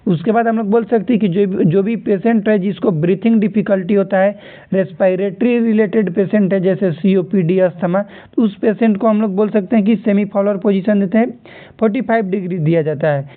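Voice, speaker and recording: A man's voice: high voice, brisk. A man going through nursing exam questions as a tutor, repeating key terms and telling students to remember them. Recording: tinny phone-like audio.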